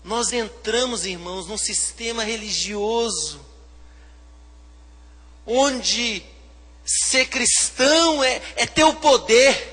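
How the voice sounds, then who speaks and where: Man, Brazilian Portuguese accent, pastor's sermon, hushed to loud fervent preaching, bright ringing tone. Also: very high-pitched, takes it slowly, long pauses, long reverb tail.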